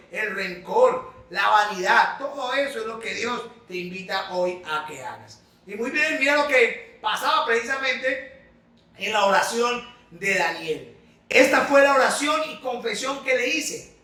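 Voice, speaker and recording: A man's voice: high-pitched, pushed and bright, recorded from a distance. A man giving a preaching talk as a spiritual coach, emphatic, often asking a question and then answering it himself. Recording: echoey room, away from the mic.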